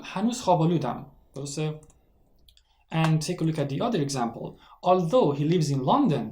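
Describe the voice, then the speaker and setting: Male teacher, higher voice, brisk bilingual delivery, echoey room. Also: a little mellow. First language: Persian. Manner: switches between slow deliberate English and rapid Persian. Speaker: English teacher. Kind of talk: bilingual grammar lesson.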